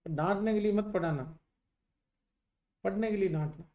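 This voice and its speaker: A man's voice: sits high, moderate pace, a little mellow. A middle-aged male teacher lecturing a class on ayurveda, teasing and scolding students while mixing in English terms.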